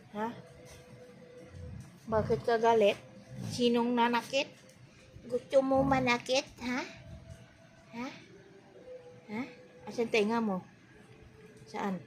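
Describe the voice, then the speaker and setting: A woman's voice: fairly high pitch, a bit bright, slight background noise. A woman vlogger talking to her pets in a coaxing, sing-song baby-talk voice.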